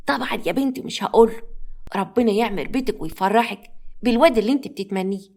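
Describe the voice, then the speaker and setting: A humble old grandmother from an Egyptian storybook tale, played by a woman narrator, gentle and soft-spoken. She pleads patiently, her words tumbling out quickly. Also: fairly high pitch. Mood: pleading.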